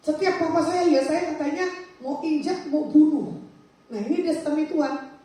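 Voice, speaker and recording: High-voiced woman preaching in an echoey hall. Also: normal speed. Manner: lively storytelling, acting out the dialogue. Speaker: evangelist. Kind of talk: personal testimony sermon. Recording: echoey hall, voice far from mic.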